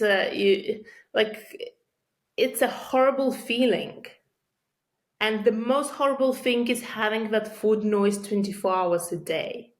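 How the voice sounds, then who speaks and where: A woman with a Lithuanian accent, a podcast guest telling her own story earnestly, pausing often with fillers. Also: medium pitch. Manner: earnest, halting with frequent pauses and fillers. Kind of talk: interview storytelling.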